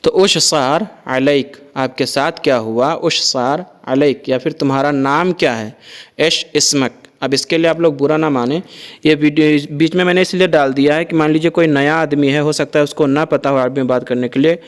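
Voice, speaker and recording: A man teaching everyday phrases in a casual spoken lesson, saying each one slowly and repeating it before explaining. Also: fairly high pitch, fairly even intonation. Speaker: Arabic teacher.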